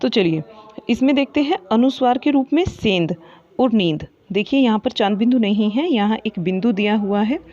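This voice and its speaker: A woman's voice: a little high, normal speed, darkish tone, dull audio. A woman teaching a grammar lesson for exam preparation, asking questions and then answering them herself, and repeating the key points. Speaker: Hindi teacher.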